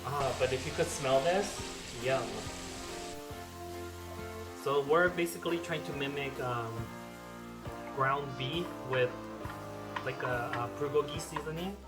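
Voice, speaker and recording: With loud music echoing around a roomy kitchen, a man films a casual cooking tutorial at home, filling his reminiscences with fillers. Born in Korea and a native Korean speaker, he talks slowly in a mid-range voice, pausing often.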